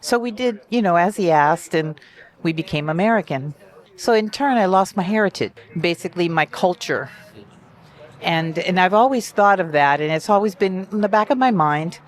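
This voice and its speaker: A woman's voice: fairly low pitch, animated, normal speed. A woman from Cuba, an amateur potter, speaking in a heartfelt, earnest way. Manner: heartfelt, earnest, with small restarts. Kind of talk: casual interview. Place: outdoors at a kiln festival.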